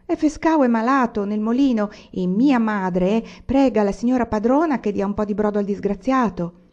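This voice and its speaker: A woman's voice: medium pitch, moderate pace, lo-fi sound, voice pushed up, lightly acted. A woman reader voicing an eager, earnest poor miller's boy. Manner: earnest, shouting out.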